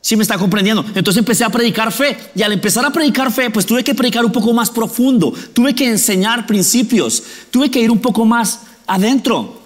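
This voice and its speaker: A man's voice: very high voice, fairly quick, few pauses, big-room sound. A male pastor preaching a sermon conversationally, often asking the congregation questions.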